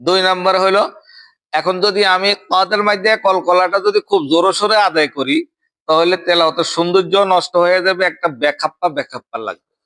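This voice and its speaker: Bright-voiced Quran recitation teacher. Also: male voice, high voice, normal speed. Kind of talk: Quran recitation drill lesson.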